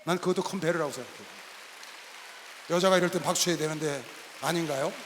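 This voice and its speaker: A middle-aged man preaching a sermon as pastor, telling stories with animated delivery and sudden bursts of shouting. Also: a little high, fast, a little hiss or hum. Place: large arena hall. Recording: long reverb of a large arena hall.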